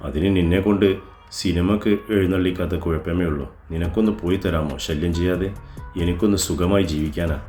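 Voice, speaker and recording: A man's voice: low voice, steady tone, a little fast, reverberant, soft background music, close to an everyday voice. A man voicing a contemptuous husband who heaps insults on his wife. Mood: angry scorn. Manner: scornful, shouting insults.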